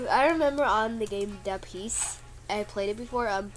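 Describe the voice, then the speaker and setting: Heard through poor audio, a woman with a medium-pitched, congested voice talks at normal speed while gaming. The video creator rambles in casual commentary, teasingly complaining when she's hit, as loud game music plays.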